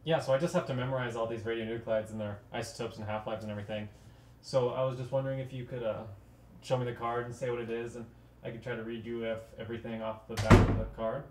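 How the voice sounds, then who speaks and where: A man's voice: medium pitch, fairly even intonation, fast talker, reverberant, recorded from a distance, slight background noise, lightly acted. A young man playing a hesitant, flustered student. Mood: casual. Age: young adult. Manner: hesitant, stumbling with fillers. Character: flustered young male med student cramming. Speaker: student being quizzed. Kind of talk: amateur comedy sketch acting. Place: small dorm bedroom indoors.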